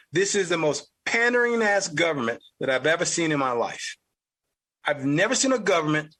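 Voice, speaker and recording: A man with a Southern drawl delivers blunt, profane podcast commentary. His voice sits high and sounds bright and forceful, with a husky edge. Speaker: podcast host. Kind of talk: opinion commentary.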